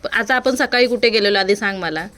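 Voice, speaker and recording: A woman's voice: mid-range voice, fairly quick, a bit bright, a little hiss or hum. A young mother chatting casually at home with her little daughter, patient and playful, coaxing her along. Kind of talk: casual home chat with a small child.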